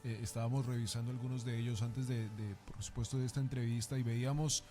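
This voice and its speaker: A man's voice: medium pitch, little pitch movement, fast. Polite male radio co-host over faint music. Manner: polite, filler-laden introductions. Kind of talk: radio interview hosting.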